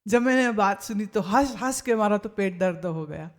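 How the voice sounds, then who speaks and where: A woman spiritual teacher giving a discourse, telling anecdotes in a lively way and acting out what other people said. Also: medium pitch, moderate pace. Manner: lively storytelling, acts out other people's remarks.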